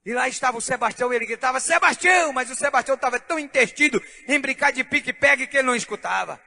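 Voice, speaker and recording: A man preaching a sermon as pastor, fervent, with shouted and half-sung phrases, in a church. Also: very high voice, rapid-fire, creaky, long reverb tail.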